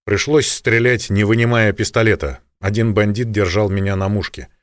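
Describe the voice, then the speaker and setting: Guy playing a tough wizard barking orders, curt, low and dry. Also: fairly even intonation, normal speed, no room sound, close to an everyday voice. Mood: calm. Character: tough man, calm commanding wizard.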